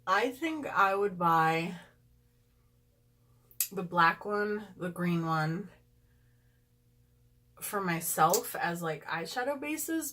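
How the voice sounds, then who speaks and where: Reviewing makeup, this beauty vlogger talks to her audience in a relaxed, frank way, sprinkling in ums and side comments. Her voice sits on the low side with a bit of brightness.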